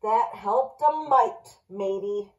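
A woman's voice: medium pitch, slow pace, lo-fi sound, close to an everyday voice. A woman playing a blustery pirate storybook. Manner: pirate slang, gruff bluster. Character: swaggering pirate storybook, blustery sea-dog.

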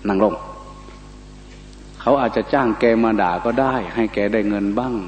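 An older Buddhist monk, telling stories in a sermon, animated and acting out the voices of the people in them. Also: male voice, on the low side, normal speed. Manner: animated storyteller, acts out quoted voices, slips into Isan dialect. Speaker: Buddhist monk giving a dharma talk. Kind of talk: storytelling sermon. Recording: dull echoey hall recording with faint noise.

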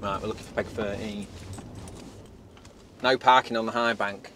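In a lowish voice, steady in tone and moderately paced, a man hosts a casual outdoor fishing vlog. He chats enthusiastically as he guides viewers through the venue, and background noise comes through clearly.

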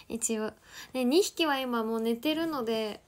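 A young woman hosting a casual livestream from her family home, chatting with viewers and cooing gently at her dogs. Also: a little high, measured pace. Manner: chatty, reads out viewer comments and coos softly at her dogs. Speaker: livestream host.

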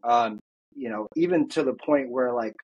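A man's voice: medium pitch, moderate pace, a little mellow, muffled recording, a little hiss or hum. A man in his thirties, a fitness coach, telling his life story earnestly over a video call with headphones. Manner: earnest, reflective storytelling with frequent fillers. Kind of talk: casual interview. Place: home office, indoors.

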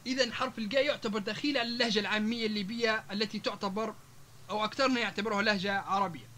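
A man with a Libyan Arabic accent giving a public lecture to an audience, rattling off example words and pausing on long "aah" fillers. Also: high voice, steady tone, sharp tone, slight background noise. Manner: rapid, with frequent drawn-out "aah" fillers, listing example words one after another.

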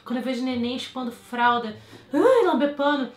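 A woman's voice: sits high, animated, moderate pace. A young woman in her twenties with a Brazilian Portuguese accent, chatting playfully with her viewers in a casual vlog. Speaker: vlogger. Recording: echoey room with faint music.

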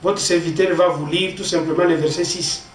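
Man, Congolese pastor, measured sermon delivery, high voice, echoey room off-mic, faint music behind. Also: fairly even intonation, far from the mic. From Democratic Republic of the Congo. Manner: deliberate, pausing between short phrases. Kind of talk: slow measured sermon with scripture reading.

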